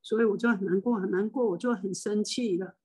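A woman's voice: mid-range voice, steady tone, a little fast, warm tone, husky, rough recording. An older woman from Taiwan, a spiritual medium and hypnotist, speaks with a Taiwanese Mandarin accent. She gives a rambling, emotional personal monologue full of restarts.

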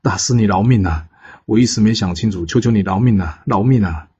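A cocky, hot-tempered bird immortal with a deep, husky male voice, as a storyteller puts him on. The sound is muffled and lo-fi, like a home recording of a spoken tale. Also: brisk, mellow. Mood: pleading.

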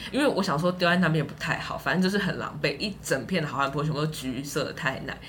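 A woman's voice: deep voice, very fast, a little hiss or hum. A woman with a Taiwanese Mandarin accent, a podcast guest telling a story in casual chat with lots of laughter. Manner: animated storyteller, laughs often.

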